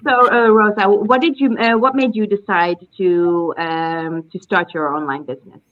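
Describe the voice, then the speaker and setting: A woman's voice: medium pitch, fairly even intonation, moderate pace, muffled recording. A woman from the Netherlands, hosting a casual live interview over a video call and exclaiming often. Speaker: host of a live stream.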